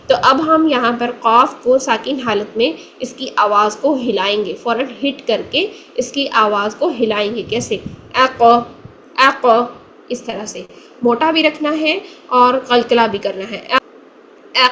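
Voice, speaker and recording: A woman with a fairly high voice gives a pronunciation lesson. She goes slowly and patiently, repeating each sound so the listener can copy it. A faint hiss sits under the recording. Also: fairly bright tone. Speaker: Quran recitation teacher.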